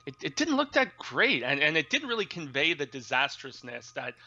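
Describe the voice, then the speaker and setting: A man's voice: a little high, big pitch swings, moderate pace, sharp tone, dull audio. A man co-hosting a casual movie review chat, eager and agreeable, often backing up his co-host.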